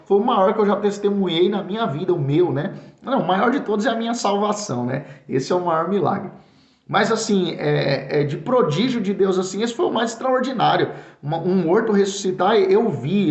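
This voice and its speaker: A man with a São Paulo Brazilian accent preaching earnestly, repeating his words and stumbling over fillers as he calls the listener brother. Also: high-pitched. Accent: Brazilian Portuguese, São Paulo. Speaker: pastor, Bible teacher. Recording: echoey room, dull lo-fi sound.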